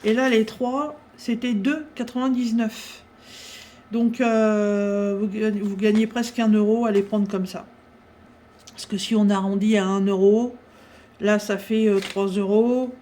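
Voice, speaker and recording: A woman chatting casually through a craft-supply haul, talking with many pauses and fillers. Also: medium pitch, fairly even intonation, dark tone, slight background noise.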